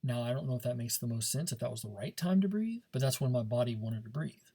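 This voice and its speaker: A man coaches a speech class informally, giving instructions and frequently checking understanding with "okay" and "right." His mid-range voice is expressive, quick, and dark in tone.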